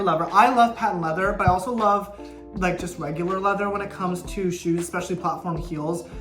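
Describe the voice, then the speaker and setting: A chatty, excitable woman rambles through a casual unboxing vlog. Her voice is a touch low, and it rings out with a heavy room echo off the bare kitchen walls. Faint music plays underneath. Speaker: YouTuber. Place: kitchen indoors. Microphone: camera mic, no clip-on.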